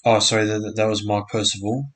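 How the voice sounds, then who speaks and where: A man's voice: lowish voice, flat delivery, brisk, a bit bright, slight background noise. A young man casually commenting on a live match stream, often unsure of players' names and correcting himself. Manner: unsure, self-correcting, frequent restarts and fillers.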